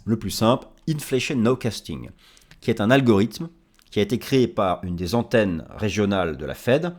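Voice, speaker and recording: A man's voice: fairly low pitch, expressive, moderate pace, a little mellow. A man giving market commentary as an analyst, explaining charts and speaking directly to viewers.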